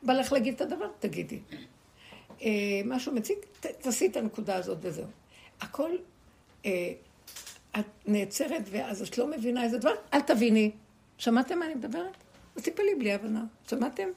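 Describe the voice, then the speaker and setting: A woman's voice: fairly high pitch, very animated, vocal fry, a little mellow. A woman leading a spiritual teaching for a small group, speaking emphatically, repeating her words and firing rhetorical questions at her listeners.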